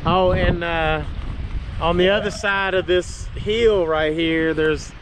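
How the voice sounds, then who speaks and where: A middle-aged man narrating a casual travel vlog outdoors and from his car, filmed on a camera held at arm's length. He talks in a relaxed, unhurried way, with many fillers. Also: sits high. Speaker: travel vlogger. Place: outdoors on windy overlooks and inside a moving car. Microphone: action camera held at arm's length. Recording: loud wind and road noise.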